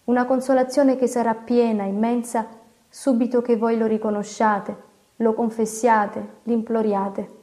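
A woman voicing a gentle, solemn elderly male cardinal in an audiobook, speaking calmly and in measured phrases. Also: a little high, close to an everyday voice.

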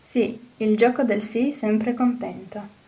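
A woman reading an audiobook, voicing a cheerful, eager little orphan girl who talks in a bright, earnest way. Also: fairly high pitch, fairly even intonation, slow, creaky, far from the mic, poor audio. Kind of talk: audiobook character voice.

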